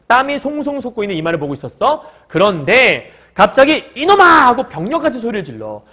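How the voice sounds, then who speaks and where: Male literature teacher, high and lively voice, lectures by firing questions at the class and answering them. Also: quick pace. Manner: breaks into short acted quotes of characters.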